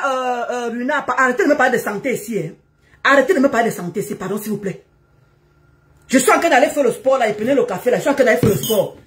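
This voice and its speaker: A woman, ranting loudly at commenters during a live stream, combative and often shouting. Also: sits high. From Cameroon.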